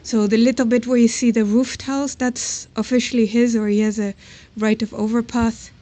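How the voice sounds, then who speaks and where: Her voice is on the high side with little pitch movement, a moderate pace, and a dark tone as she hesitantly thinks aloud during a casual, unscripted tour of her own garden plot. She records herself outdoors around the house on a handheld camera or phone, and the audio is noisy with ambient sound.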